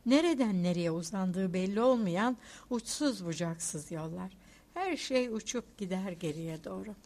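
A woman's voice: medium pitch, unhurried. A woman narrating a literary novel as an audiobook, reading expressively. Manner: expressive, rising and falling with the story.

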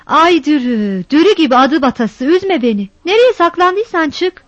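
A woman voicing a stern, rough older village woman who scolds sharply, in a dull, dry recording. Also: high voice, expressive, normal speed, no room sound, pitched above the performer's own voice. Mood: scolding.

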